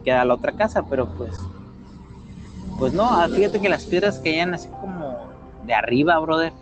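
A man's voice: a little high, lively intonation, moderate pace, over music. A man with a Mexican accent telling paranormal stories in a casual chat, acting out quotes and sound effects. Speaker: storyteller guest.

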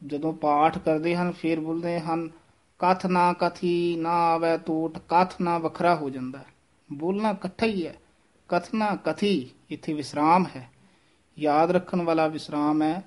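A man teaching the correct pronunciation of recited verse, repeating each phrase slowly and carefully. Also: fairly high pitch, fairly even intonation, a little mellow. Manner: slow, careful, repeats each line syllable by syllable.

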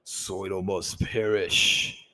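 A vengeful flying creature who defies his leader, as a man voices him. He speaks low and loud with open scorn. It comes from a homemade audiobook reading. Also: little pitch movement, very slow, full character voice, poor audio. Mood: defiant.

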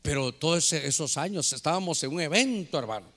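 Middle-aged pastor guy preaching, high bright voice, big hall reverb, gets loud then drops soft. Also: lively intonation, a little fast. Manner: preaching with swings between loud fervor and hushed storytelling. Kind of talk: sermon.

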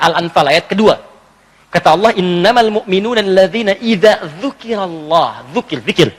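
A man preaching a sermon in a mosque hall. He questions his listeners and swings between emphatic urging and hushed lines. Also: high-pitched. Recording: long hall reverb.

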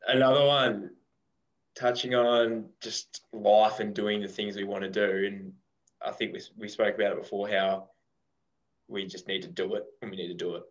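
A man's voice: on the low side, fairly even intonation, moderate pace. A man on a podcast, casually talking through a long rambling analogy. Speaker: podcast guest. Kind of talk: casual chat. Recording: dull, muffled audio.

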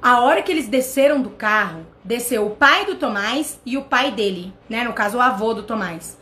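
Brazilian-accented woman, high pitch, animated vlog host telling a personal story to camera. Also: normal speed. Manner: animated, addresses viewers directly. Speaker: channel host.

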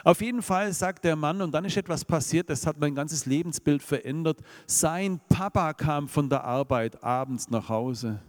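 A man's voice: mid-range voice, a little mellow. A man with a Swabian accent preaching a sermon, asking the congregation rhetorical questions. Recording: long reverb of a hall.

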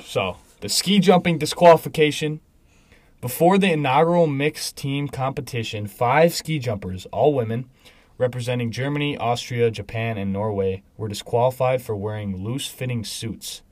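A man's voice: medium pitch, moderate pace, no echo. A young man co-hosting a casual sports podcast with slangy frat-bro banter. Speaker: podcast co-host.

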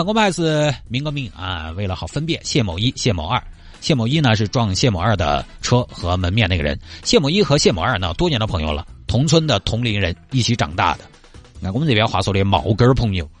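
A man's voice: fairly low pitch, husky. A male radio host telling a comic story in a chatty way, speaking straight to the listener. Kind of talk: comic scripted storytelling with acted dialogue.

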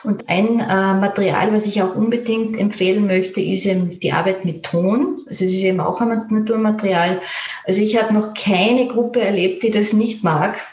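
Calm woman in a roomy space. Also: mid-range voice, moderate pace. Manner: calm, gentle, with fillers and restarts. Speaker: creative therapist guest. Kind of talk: guided imagery, then interview answers. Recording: roomy echo.

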